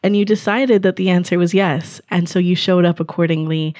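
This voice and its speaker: Woman, podcast host, encouraging, effusive, lowish voice, dry close recording. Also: fairly even intonation, a little fast, darkish tone, no echo. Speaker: podcast host and business coach. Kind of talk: conversational interview.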